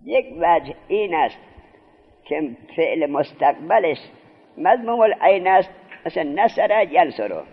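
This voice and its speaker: Man, teacher, classroom grammar lesson, husky voice, lively swooping pitch, quizzes and answers himself, dull lo-fi recording. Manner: quizzes listeners, then answers his own questions; drawn-out, stressed key terms.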